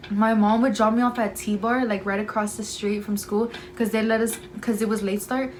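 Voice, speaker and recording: A young woman chatting casually on a home vlog, her talk packed with "like" as she tells animated stories. Her voice sits at a middle pitch, with a faint noise underneath. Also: moderate pace, low-quality recording. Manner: chatty, many "like"s, lively storytelling. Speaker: vlogger. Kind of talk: casual sibling chat.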